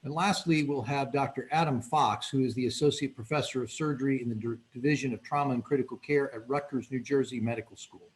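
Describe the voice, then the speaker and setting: A man co-moderating a medical panel, introducing speakers in a formal, measured and somewhat halting way. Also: medium pitch, low-quality recording.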